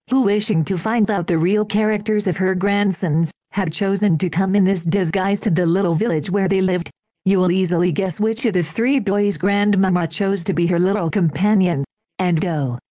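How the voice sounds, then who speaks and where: A woman reading an old children's story aloud in a gentle, even storytelling manner. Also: medium pitch, no echo. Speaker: audiobook reader. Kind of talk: storybook narration. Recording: dull, dry lo-fi recording.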